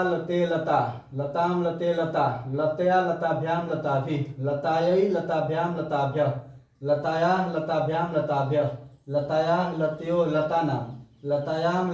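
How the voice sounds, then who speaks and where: A male coaching-center teacher giving a lesson, chanting word forms slowly so students can repeat after him. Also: a little high, darkish tone. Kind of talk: slow recitation lesson. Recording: echoey room, mic at a distance, dull sound.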